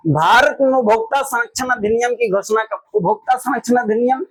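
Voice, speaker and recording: Male teacher, Bihari Hindi accent, very high voice, loud, repetitive, call-and-response quizzing. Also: brisk, no room sound, rough recording. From Bihar, India. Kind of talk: classroom exam drill lesson.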